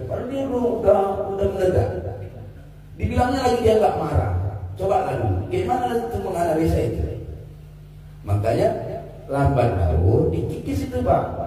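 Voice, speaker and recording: A man's voice: high-pitched, big pitch swings, normal speed, pauses often, crowd noise. A man preaching a sermon, chuckling often as he addresses his listeners as sir. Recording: echoey hall, voice from far off, audience audible.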